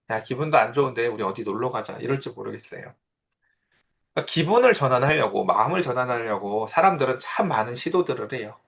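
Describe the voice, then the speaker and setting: Man, pastor, 30s, sermon, conversational, personal stories, mid pitch. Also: vocal fry, fairly bright tone. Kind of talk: sermon with Bible reading.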